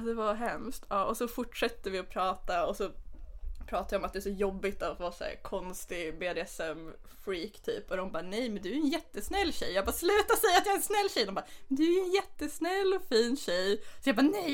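A young woman co-hosting a casual podcast, telling an animated story and often laughing as she talks. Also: mid-range voice. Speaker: podcast co-host.

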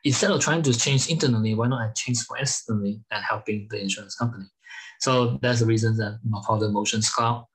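A man from Malaysia, a startup founder, answering podcast interview questions in halting English with many fillers. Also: fairly low pitch, slightly rough, poor audio. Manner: halting, many fillers, non-native phrasing. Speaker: guest, startup founder and CEO.

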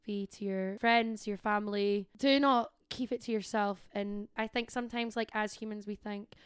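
Young female co-host, expressive and encouraging, very smooth voice, dry close mic. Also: medium pitch, moderate pace, no room sound. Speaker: podcast co-host. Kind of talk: casual chat.

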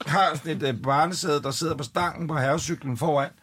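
Lively man telling a story. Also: on the high side, a little hiss or hum. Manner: animated anecdote telling with laughter and acted-out voices. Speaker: podcast guest, father. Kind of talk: casual storytelling.

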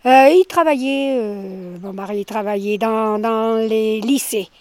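An older French woman chats emphatically outside by her garden, stopped for a street interview as a villager, and she tends to repeat her words. Her voice is fairly high and darkish in tone, a little slow, and the sound is clean with no echo. It's a casual roadside chat.

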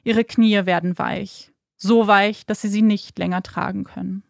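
A woman narrates a true-crime story in a measured, dramatic way. Her voice has a gravelly fry, recorded close and dry with no room around it. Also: medium pitch, steady tone, dry recording. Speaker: podcast narrator.

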